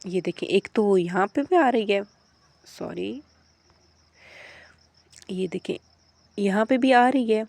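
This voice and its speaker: A woman with a Pakistani Urdu accent teaching a Quran recitation lesson. She draws out each practice word slowly, then explains the rules quickly. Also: medium pitch, creaky, darkish tone, no echo. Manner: stretches practice words slowly, explains briskly between them. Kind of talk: tajweed lesson with slow drilled recitation.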